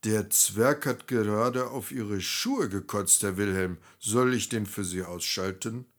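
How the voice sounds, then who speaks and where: Man as a blunt, protective bald giant, gruffly caring. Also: fairly low pitch, unhurried.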